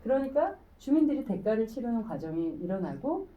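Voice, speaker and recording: A woman lectures a room in a chatty, storytelling way, often putting questions to her listeners. Her voice is dark and mellow, and her pitch swings widely. She sounds a little far from the mic, as if it picks up the room. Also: fairly quick. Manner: lively, conversational storytelling with rhetorical questions. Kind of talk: public lecture.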